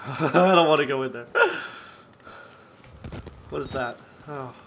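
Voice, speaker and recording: A young man with a fairly high, creaky, somewhat bright voice plays a horror game slowly for his gaming channel, sounding stuffy and sick on a headset mic. Jittery nerves show in his frequent yelps and laughs. There's game music behind him and slight background noise.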